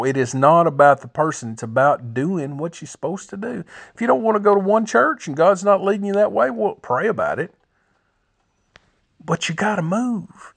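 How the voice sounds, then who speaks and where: A podcast host with a medium-pitched voice shares his devotional notes in an earnest, informal talk, rambling and correcting himself along the way. The recording sounds dry.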